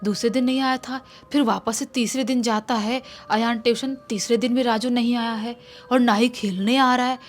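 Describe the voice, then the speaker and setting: A woman's voice: fairly high pitch, fairly even intonation, moderate pace, faint music behind. A woman telling a horror story in a casual, conversational way, with restarts and repetitions.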